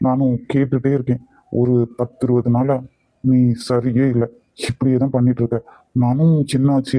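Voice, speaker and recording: A man's voice: mid-range voice, dark tone, dry recording, lightly acted, low-quality recording. A man voicing a young husband in a cartoon drama, loving but short-tempered, given to pushy, scolding questions.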